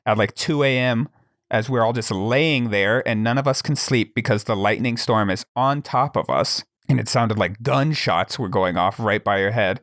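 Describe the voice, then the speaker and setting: Young man, podcast guest; casual, animated storyteller who laughs and swears along the way; dry, close sound. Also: medium pitch, moderate pace, no echo.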